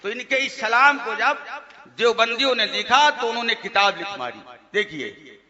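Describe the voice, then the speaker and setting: Guy preaching, super high piercing voice, mocks verses in a singsong, dull lofi audio. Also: animated, in a large hall. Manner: mocking, reads verses in a sing-song lilt; scolds the crowd to stay quiet. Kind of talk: sermon to a live gathering.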